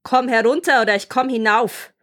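A woman's voice: lowish voice, lively intonation, moderate pace. A woman voicing a cruel, murderous nobleman husband in a fairy-tale reading, harsh and commanding as he issues threats. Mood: menacing.

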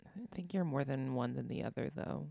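Woman podcast host, history story, casual chat, gravelly fry, dry close sound. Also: extremely low pitch, moderate pace, mellow, dry recording.

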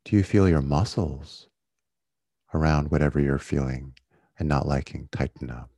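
A man leading a guided meditation in a soothing, gentle, unhurried manner, like a yoga teacher. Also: a bass voice, breathy edge, no room sound. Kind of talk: guided body-scan meditation.

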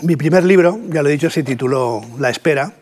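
His voice leans high, with a darkish tone. A middle-aged Catalan man with a Catalan Spanish accent, he gives a deliberate, reflective poetry lecture marked by pauses and rhetorical asides.

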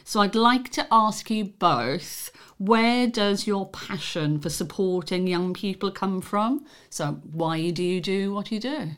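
A woman's voice: medium pitch, slow pace, few pauses. A woman hosting a podcast, presenting and putting questions to her guests. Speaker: podcast host.

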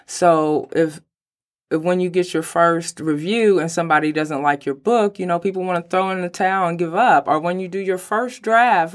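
A woman with a hoarse voice, sick lately, talking casually and emphatically as an interview guest about her own work. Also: fairly low pitch. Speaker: podcast guest, writer.

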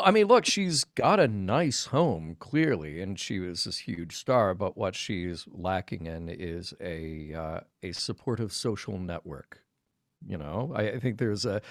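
A man from Birmingham, Alabama, in the United States, with an American accent, appears as a podcast guest, talking in a thoughtful, discursive way during a casual discussion. His voice sits on the low side, animated but unhurried. The sound is clean studio quality with no echo.

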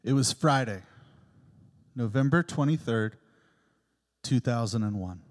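A man's voice: medium pitch, lively intonation, measured pace. Earnest preaching man with cathedral echo. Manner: reflective storytelling, personal and earnest. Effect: long cathedral echo. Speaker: homilist. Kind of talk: reflective sermon. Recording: long church reverb.

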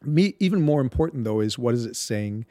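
A man's voice: mid-range voice, lively intonation, a little fast, mellow, no echo. A man from Barbados, a guest talking about his Bible storytelling in a reflective interview, with many restarts and fillers.

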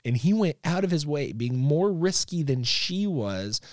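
A man's voice: a little high, very animated, measured pace, no echo, studio quality. A man co-hosting a podcast, telling stories in a rambling, self-correcting way. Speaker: podcast co-host. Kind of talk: casual conversation.

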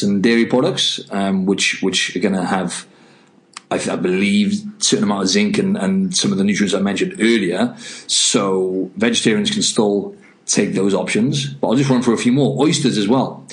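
A man hosting a casual solo podcast in an informal, candid, joking way, talking straight into a laptop microphone. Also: on the low side. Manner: informal, candid, jokey and self-mocking. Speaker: podcast host. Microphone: built-in laptop microphone instead of headset.

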